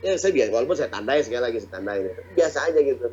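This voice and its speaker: A man's voice: medium pitch, lively intonation, rapid-fire, dark tone, highs cut off. A man giving a casual online religious talk, joking and often asking his listeners "ya nggak?". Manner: jokey, chatty, often asks "ya nggak?"; acts out quoted dialogue. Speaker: Islamic preacher.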